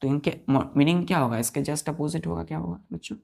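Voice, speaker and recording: A woman's voice: low voice, fast talker, vocal fry, darkish tone. A woman teacher giving a vocabulary lesson, spelling words letter by letter, counting the letters aloud and asking her students questions over and over. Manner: asks the class repeated questions.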